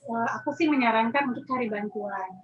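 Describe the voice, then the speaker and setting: A woman guest answering an interview question with calm advice. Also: on the high side, fairly quick, breathy edge. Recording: dull lo-fi audio.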